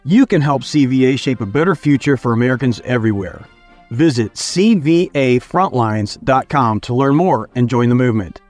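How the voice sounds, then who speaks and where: A man reading an advertisement, slowly and deliberately spelling out a web address. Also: medium pitch, expressive, darkish tone, soft background music. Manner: slow, deliberate call to action. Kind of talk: ad read.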